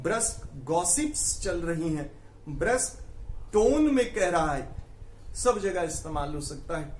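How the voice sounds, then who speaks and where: High-voiced teacher in echoey room. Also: male voice, slight background noise. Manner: explains patiently, repeats key words, mixes English terms into Hindi. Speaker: vocabulary teacher. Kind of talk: Hindi vocabulary lesson with memory tricks.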